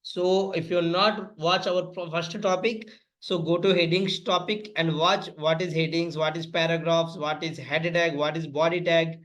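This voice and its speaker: In a rough recording, a tutorial instructor with an Indian accent leads a step-by-step coding lesson at normal speed. His fairly high, fairly bright voice holds a steady tone, and he repeats phrases while addressing everyone as friends.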